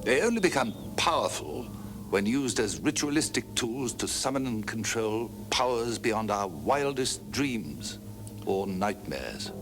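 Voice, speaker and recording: A man narrating a documentary in a dramatic, scripted way with slow ominous pauses, heard from an old VHS tape. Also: on the low side, animated. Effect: old VHS tape sound. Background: music.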